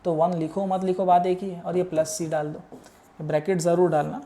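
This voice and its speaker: A man's voice: high-pitched, flat delivery, a little fast, dark tone. A young man teaching engineering math in an exam-prep lecture, talking casually and coaxing his students along as he works each step aloud while writing. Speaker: math tutor.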